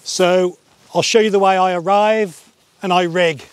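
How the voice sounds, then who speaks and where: A middle-aged man giving a relaxed paragliding lesson step by step on an open hillside, wearing a clip-on mic. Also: high-pitched, a little slow, clear, resonant tone. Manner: relaxed, chatty, explains step by step. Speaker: paragliding instructor. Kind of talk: outdoor tutorial. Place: open grassy hillside outdoors.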